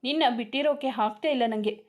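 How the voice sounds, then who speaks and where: A woman's voice: fairly high pitch, brisk, lightly acted. A woman doing a heartbroken young wife. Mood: pleading.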